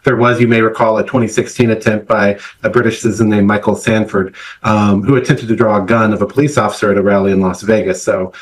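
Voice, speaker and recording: A middle-aged man, a political science professor, answering questions in a news interview in a measured academic way, pausing often on "uh" and "um". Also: on the low side, fairly even intonation, poor audio. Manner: measured, academic, many "uh" and "um" fillers.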